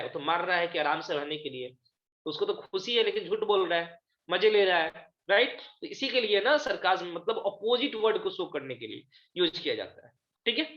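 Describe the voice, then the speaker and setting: A man teaching an English lesson, reading lines from a play slowly and explaining each one in Hindi, with frequent check-ins to his students. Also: high-pitched, a bit bright. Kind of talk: online class lecture, reading a play aloud and explaining in Hindi. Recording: echoey room, dull lo-fi sound.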